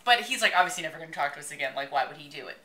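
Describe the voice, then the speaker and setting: A woman's voice: deep voice, racing, noisy background. A woman co-hosting a casual chat, telling stories animatedly and acting out what people said. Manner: animated storyteller acting out dialogue. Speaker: co-host. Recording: roomy echo.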